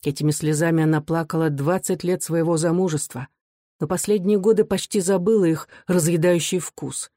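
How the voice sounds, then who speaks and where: An audiobook reader narrating a classic novel in a measured, expressive way. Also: mid-range voice, dry recording, studio quality. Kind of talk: literary narration.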